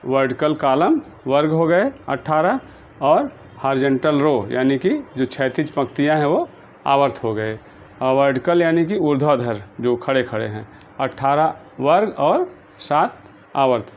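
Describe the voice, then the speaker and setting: Lo-fi teacher chanting mnemonics. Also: male voice, mid-range voice, animated, slight background noise. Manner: patient, repetitive, slow sing-song chanting of mnemonics. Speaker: chemistry teacher. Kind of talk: blackboard-style lesson explanation. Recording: dull lo-fi recording.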